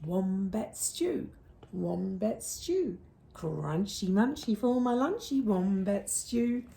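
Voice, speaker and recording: A woman's voice: mid-range voice, very animated, slow, gravelly, warm tone, heavily acted. A woman voicing a sly, boastful male dingo in a storybook, gloating and sometimes chanting in a sing-song way.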